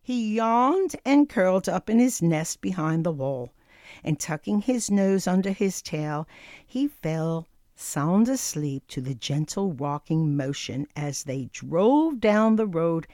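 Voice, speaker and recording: A woman narrating a children's storybook as a story-time host, with deliberate, expressive delivery addressed to young listeners. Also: lowish voice, dry recording, studio quality.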